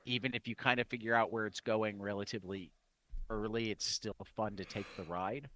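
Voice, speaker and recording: A man's voice: fairly low pitch, steady tone, fairly quick, bright, forceful tone. A man co-hosting a comics podcast in casual chat, rambling with many restarts and fillers. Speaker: podcast co-host.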